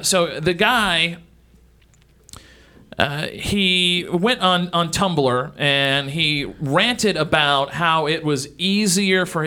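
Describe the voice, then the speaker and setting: A man's voice: a little high, pushed and bright. A man in his forties hosting a radio talk show, rambling with lots of fillers and restarts as he grumbles about people who whine. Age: 40s. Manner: grumbling, mocking complainers. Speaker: radio host.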